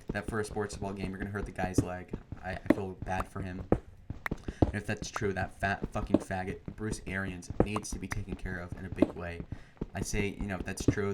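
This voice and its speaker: A young male gaming video creator rambles over gameplay in a deep, monotone voice. His meandering commentary is full of fillers and restarts, and loud background noise runs behind it.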